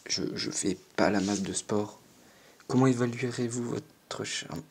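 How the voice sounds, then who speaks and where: A man's voice: lowish voice, a little slow, vocal fry, darkish tone, husky. A fourteen-year-old boy reading quiz questions aloud and answering them, hesitant and self-mocking, with lots of stammering and fillers. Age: teenager, 14. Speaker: YouTuber answering an online quiz.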